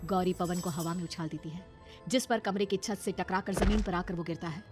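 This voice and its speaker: A woman tells a horror cartoon story with dramatic narration at a mid pitch. Clear music plays behind her throughout. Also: steady tone, a little fast.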